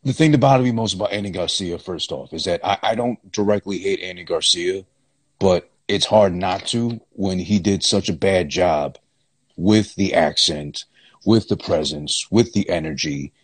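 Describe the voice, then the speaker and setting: A man's voice: low voice, slightly rough, dry recording. A man co-hosting a podcast, talking casually about a film with a critical, wry edge. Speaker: podcast co-host. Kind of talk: casual movie chat.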